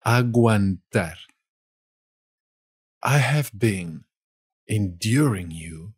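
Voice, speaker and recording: A man from Spain with a Spanish accent, teaching vocabulary in a slow lesson and saying each word twice. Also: on the low side, breathy edge, dry recording, studio quality.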